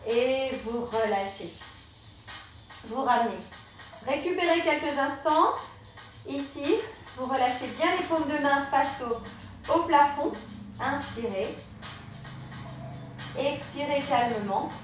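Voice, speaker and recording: Speaking slowly and leaving long pauses, a high-voiced woman guides a live Pilates and yoga session, walking students through breaths and movements one step at a time. The room is very echoey, the microphone is distant, and music plays in the background.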